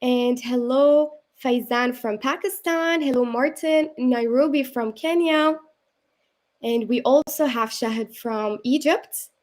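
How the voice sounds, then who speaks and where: High-voiced upbeat woman hosting a livestream. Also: takes it slowly. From Syria. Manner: upbeat and welcoming, with frequent "um" and "uh". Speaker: livestream host. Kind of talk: live-stream presenting.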